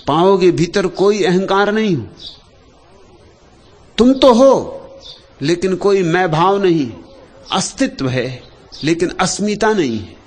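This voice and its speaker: A man giving a spiritual discourse, speaking slowly with long pauses, dropping to soft low phrases and rising to loud emphatic ones. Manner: slow, unhurried delivery with long pauses and lists. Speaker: spiritual teacher.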